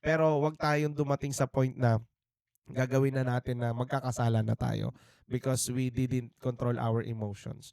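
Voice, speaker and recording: Gravelly and darkish yet clean, his medium-pitched voice stays flat in delivery at a normal speed. He is a Filipino podcast co-host in his thirties telling a candid faith testimony in Tagalog and English, earnest and reflective with frequent restarts and fillers. The indoor studio audio is studio quality and echo-free.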